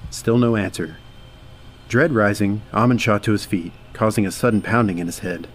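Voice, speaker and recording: A man giving a measured, dramatic scripted horror narration. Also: fairly low pitch, fairly even intonation.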